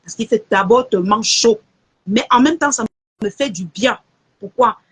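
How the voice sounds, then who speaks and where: A woman's voice: a little high, moderate pace, slightly rough. A woman chatting casually on a live stream, answering viewer messages and quoting prices.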